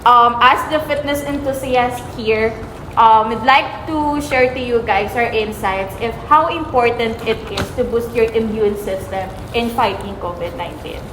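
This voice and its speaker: A woman's voice: a little high, moderate pace, a bit bright, slight background noise. A woman with a Filipino accent hosting a casual podcast chat while eating, upbeat and switching between English and Tagalog. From Philippines. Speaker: membership consultant and podcast host. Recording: echoey room.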